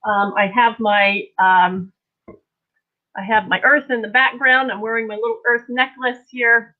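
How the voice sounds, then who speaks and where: High-voiced woman, rambling, on tinny audio. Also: steady tone, a little slow. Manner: rambling, scattered, informal. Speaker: host, energy healer. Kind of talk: casual live-stream guided energy healing session. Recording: tinny, narrow phone-like audio.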